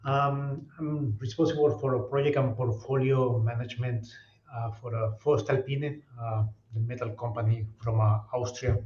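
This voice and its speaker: A man's voice: mid-range voice, steady tone, moderate pace, darkish tone. A man introducing himself on a video call, hesitant and full of fillers. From Venezuela. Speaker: portfolio manager. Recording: roomy, dull call audio.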